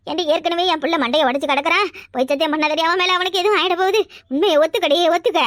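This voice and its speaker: Wailing cartoon mom with a Tirunelveli Tamil accent, super high voice, quick accusing talk, woman voicing her. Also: a bit bright, dry recording, clean studio sound. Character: angry grieving mother, sister-in-law.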